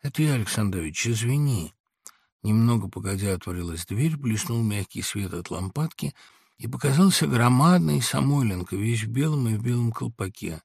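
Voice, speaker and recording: A male narrator reads a classic story aloud in a measured, dramatic way. His mid-pitched voice has a gravelly rasp. The recording is dry and close, with no room sound. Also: expressive, darkish tone, no room sound. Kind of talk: audiobook reading.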